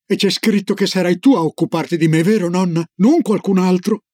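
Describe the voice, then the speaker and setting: Anxious young boy, read by a man: eager, pleading storybook questions, husky and dry. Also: high voice, animated, normal speed, mellow, no echo.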